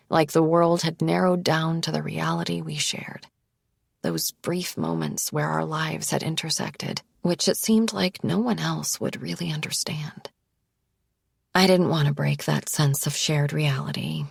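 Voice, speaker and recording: Low, gravelly woman narrating a thriller. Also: no room sound, clean studio sound. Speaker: audiobook narrator. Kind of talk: first-person thriller narration.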